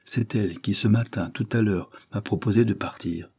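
A man's voice: on the low side, moderate pace, darkish tone, breathy edge. A man voicing an impassioned, lovestruck young nobleman in a read-aloud novel, eager in manner. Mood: earnest.

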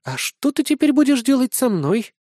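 A man's voice: very high-pitched, normal speed, a little mellow, no room sound, studio quality, pitched above the performer's own voice. A man voicing a cautious young woman who asks careful, hesitant questions in an audiobook. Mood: wary.

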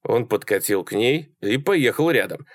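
Lively male audiobook narrator. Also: medium pitch, normal speed, no echo, studio quality. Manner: lively, dramatic reading. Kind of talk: scripted narration.

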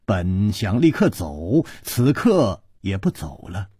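Animated male radio storyteller, husky. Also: sits low, slow pace, no echo, clean studio sound. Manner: animated, dramatic.

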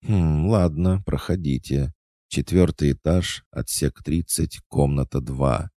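A man's voice: rumbling low, takes it slowly, dark tone, no room sound, voice pushed up, full character voice. A man voicing a small, cheeky female fennec fox who guards a dormitory desk, bossy and snorting. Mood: grudging.

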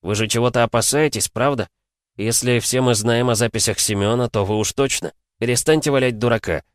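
A man's voice: mid-range voice, fairly quick, dry recording, clean studio sound, pitched above the performer's own voice, lightly acted. A man reading an audiobook, voicing a sly, pressing middle-aged investigator. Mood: insistent. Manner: persuasive, pressing. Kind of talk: audiobook character voice.

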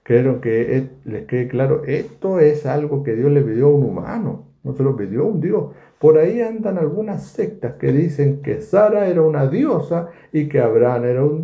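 Man, Bible study teacher, animated, acts out scenes, echoey room. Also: a little high. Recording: echoey, dull lo-fi room recording.

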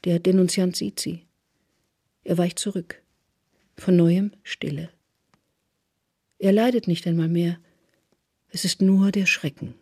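Brief: husky radio drama narrator, measured and hushed, dry close sound. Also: medium pitch, fairly even intonation, no room sound. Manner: measured, often hushed to a whisper.

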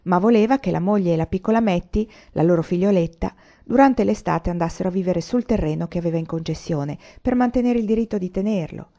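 Measured woman reading a novel aloud. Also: lowish voice, warm tone. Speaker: audiobook reader. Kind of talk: audiobook reading. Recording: muffled lo-fi recording.

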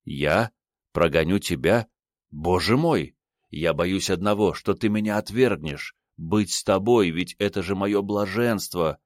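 A man's voice: low voice, unhurried, no room sound, studio quality. A man reading an ardent, fervent lover. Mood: resolute. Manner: fervent, repeating vows insistently.

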